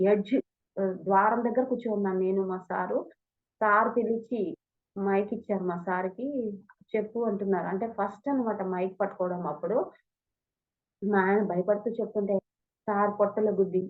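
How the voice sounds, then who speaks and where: A woman who teaches meditation, telling her own experiences in an earnest storytelling way and acting out bits of dialogue. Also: medium pitch. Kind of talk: testimonial talk. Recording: narrow phone-like sound.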